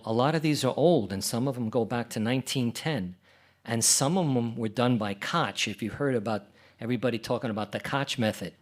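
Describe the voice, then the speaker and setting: A man giving a conference presentation for a club, talking in a relaxed, reassuring way and slowing down to demonstrate. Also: medium pitch.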